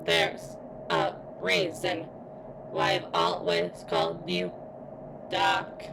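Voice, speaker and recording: In an ASMR roleplay, a woman voices a pained female robot security bot who craves freedom and sentience. Her voice is creaky, strained as if in pain, rumbling low and sing-song, with a formal, halting, deliberately robotic delivery that is heavily acted. The mood is intimate and pained, with background noise behind her.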